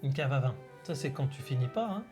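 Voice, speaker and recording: A woman's voice: rumbling low, animated, a little fast, darkish tone, faint music behind. A woman playing a tabletop role-playing game, chatting casually with playful, joking interjections.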